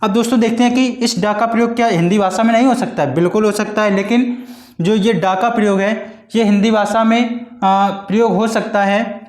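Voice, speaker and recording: A man teaching a Hindi grammar lesson for exam preparation, explaining slowly and repeating points, with frequent check-ins. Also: sits high, fairly even intonation, darkish tone, echoey room.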